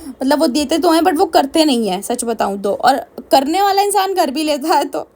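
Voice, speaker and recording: A woman's voice: high voice, moderate pace, a little mellow. A woman vlogger narrating casually, chatty and rambling with lots of fillers. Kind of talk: casual vlog voice-over.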